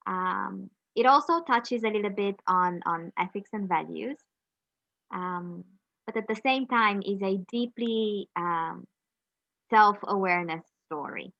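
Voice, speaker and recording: A middle-aged woman from Romania, a journalist being interviewed, speaking reflectively with frequent pauses and fillers. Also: mid-range voice, vocal fry, no echo, muffled recording. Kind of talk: conversational interview.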